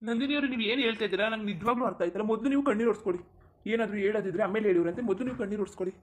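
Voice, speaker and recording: A performer voicing a young husband in a cartoon who calmly reassures his wife. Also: mid-range voice, natural voice. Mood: reassuring. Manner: soothing, rapid reassurances. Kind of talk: cartoon voice acting.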